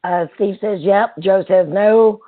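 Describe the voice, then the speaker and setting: A woman with a hoarse, froggy voice co-hosting a casual live webinar. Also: medium pitch, slow pace. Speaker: webinar co-host. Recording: tinny, phone-like band-limited webinar audio.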